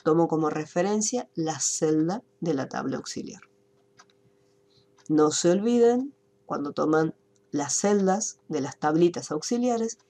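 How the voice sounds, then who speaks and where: A woman gives an online spreadsheet lesson. She walks through each step patiently and answers her own questions. Her voice is low, mellow and a little husky, heard through a computer mic. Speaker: teacher. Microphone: computer mic on a video call.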